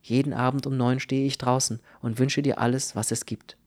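A man voicing a frightened, feverish young woman in a spoken audiobook, softly and breathily, close to a whisper. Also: mid-range voice, flat delivery, moderate pace, natural voice. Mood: tearful resolve. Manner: soft, breathy, near whispering. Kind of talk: audiobook reading.

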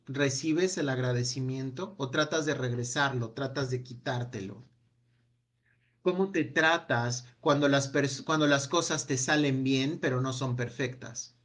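A man leading a self-help workshop, asking a long run of gentle reflective questions that trail off with a quiet "no?". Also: mid-range voice. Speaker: workshop speaker.

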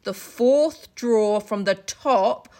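A young woman co-hosts a book-retelling podcast, chatting casually and doing comic read-alouds in an irreverent, giggly, sweary way. Her voice is on the high side with a darkish tone, and she speaks slowly.

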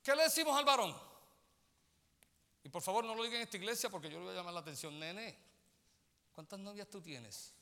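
A man preaching, his voice high, bright and swinging widely in pitch. He keeps turning to the congregation with direct questions. The sound carries a long church-hall reverb. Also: quick pace, gravelly, long pauses. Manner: animated preaching, often calls listeners "brother" and checks they follow. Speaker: pastor. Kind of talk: sermon. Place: church sanctuary.

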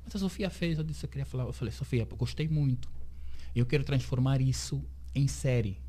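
A man being interviewed on the radio as a series creator, telling his story with lively acted-out quotes of other people. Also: mid-range voice, brisk. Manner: animated storyteller, acts out quoted dialogue. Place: radio studio.

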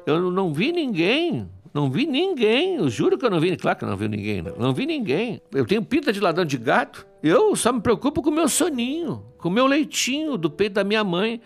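A crafty newborn boy god with a syrupy, wheedling voice, piling on sweet little words to sound harmless, as a male storyteller puts him on. The voice sits well above the teller's own and leaps around in lively, animated swings, with a gravelly edge underneath. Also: high-pitched, brisk, few pauses, soft background music, voice pushed up, full character voice. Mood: pleading innocence. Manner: wheedling, piles on diminutives. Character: sly newborn boy god, innocent act.

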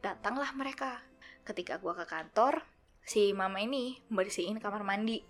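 A woman's voice: mid-range voice, moderate pace, soft background music. Young woman telling a ghost story. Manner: animated, acts out quoted voices. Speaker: guest storyteller.

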